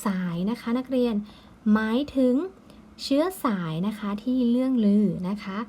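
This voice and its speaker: Patient woman teacher with a mellow voice. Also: on the high side. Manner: patient, slow, ends phrases with polite particles. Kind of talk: recorded classroom lesson.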